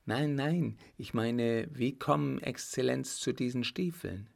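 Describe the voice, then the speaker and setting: A man voicing a timid, polite young woman who speaks softly and pleadingly, raised above his own low voice. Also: slow, vocal fry. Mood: anxious, polite. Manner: soft, pleading, formal.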